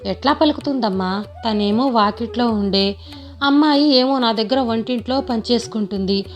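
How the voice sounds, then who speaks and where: A woman's voice: a little high, moderate pace, faint music behind, close to an everyday voice. A woman voicing a chatty older village mother who complains at length about her son-in-law. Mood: complaining.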